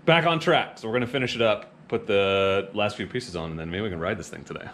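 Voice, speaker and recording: A man's voice: fairly low pitch, fast talker, music in the background. A man hosting a motorcycle vlog, chatting casually to camera in a playful, self-deprecating way.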